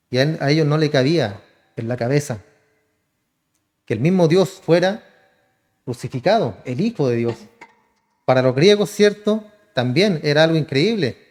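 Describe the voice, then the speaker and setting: Pastor preaching in a reverberant hall. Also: male voice, on the high side, a little mellow. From Chile. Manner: addresses listeners as "hermano", asks and answers his own questions. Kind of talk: sermon.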